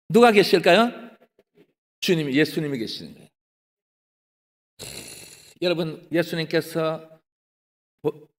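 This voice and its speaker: Male pastor with a Gyeongsang accent, high and lively delivery, keeps addressing the congregation, echoing hall. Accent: Gyeongsang Korean. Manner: animated, often addresses the congregation, acts out his own excited pleading. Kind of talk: testimony sermon. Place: prayer retreat hall. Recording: long hall reverb.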